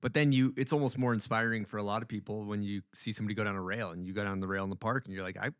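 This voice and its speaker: A man's voice: on the low side, fairly even intonation, very fast, smooth, no echo, studio quality. A man co-hosting a podcast, chatting in a laid-back way with casual slang. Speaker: podcast co-host.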